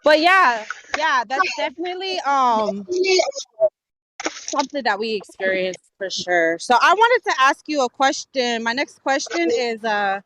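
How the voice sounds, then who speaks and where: A woman's voice: sits high, sing-song, measured pace, sharp tone, a little hiss or hum. A woman hosting a livestream chat, casual and agreeable, with loose talk and some swearing. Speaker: livestream host.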